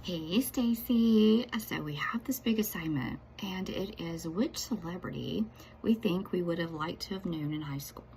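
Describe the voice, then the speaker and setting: A woman's voice: lowish voice, unhurried, warm tone, rough recording. A woman chatting through a casual video message, often dropping to a half-whisper.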